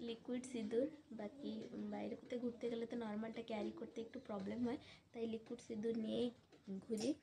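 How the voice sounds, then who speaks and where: A woman's voice: a little high, flat delivery, fast, a crowd in the background. A young Indian woman, a native Bengali speaker with a stuffy cold and sore throat, chats casually for a home vlog and mixes in English words. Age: young adult. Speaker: vlogger. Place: small room at home, indoors. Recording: clearly noisy home recording with clicks.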